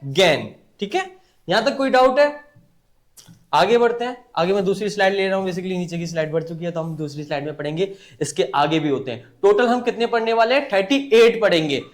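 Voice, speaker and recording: A man teaching an online class, repeating each point and asking the class to say it back in a casual, brotherly way. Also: very high voice. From India. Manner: repetitive call-and-response teaching; colloquial, addresses class as brother.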